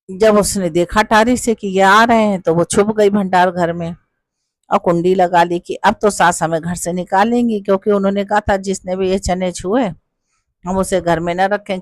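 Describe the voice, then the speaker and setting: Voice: mid-range voice, dry recording. A storyteller narrating a devotional folk tale in a homely, rustic way with village dialect words.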